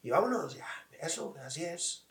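A man's voice: fairly high pitch, big pitch swings, normal speed, vocal fry, fairly bright tone, echoey room, distant mic. Slangy man telling stories. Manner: storytelling, slangy, acts out voices in his anecdotes. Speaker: podcast host. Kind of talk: casual chat.

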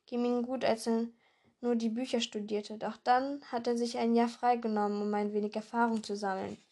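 A woman voicing a big, gruff, good-natured male giant in a storybook reading, clipped and blunt. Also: on the high side, level tone, normal speed, warm tone. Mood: hearty. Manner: blunt, drops words.

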